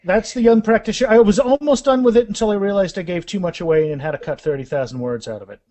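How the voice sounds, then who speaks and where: An author interviewed on a podcast about his fantasy series talks casually, often restarting and repeating words. His voice is high-pitched with a darkish tone, he talks fast, and there's no room sound.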